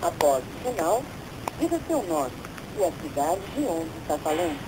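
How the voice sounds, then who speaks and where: A woman voicing an automated phone-line prompt in a flat recorded-announcement delivery, heard distantly over the phone. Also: sits low, normal speed, background noise, voice pushed down. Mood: announcing.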